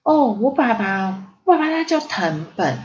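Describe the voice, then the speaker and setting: A woman voicing an excited little magical fish girl in a storybook reading, squealing and childlike. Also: on the high side, unhurried, voice pushed up. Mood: eager. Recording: slightly dull lo-fi audio.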